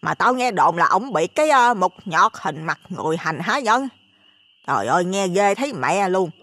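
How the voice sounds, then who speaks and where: A man voicing a nosy, superstitious old village woman with a Southern Vietnamese accent, loud and chattering. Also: high voice, very animated, normal speed, voice pushed up, heavily acted. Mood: hushed gossip.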